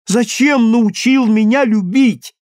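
A man voicing a passionate, lovestruck young woman in an audiobook, speaking in a high, imploring voice. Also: takes it slowly, a little mellow, dry recording, studio quality. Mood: desperate pleading.

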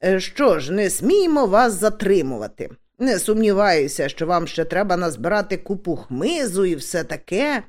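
A woman voicing a gruff, suspicious dwarf man who grumbles tersely. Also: fairly low pitch, very animated, normal speed, darkish tone. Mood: grumbling.

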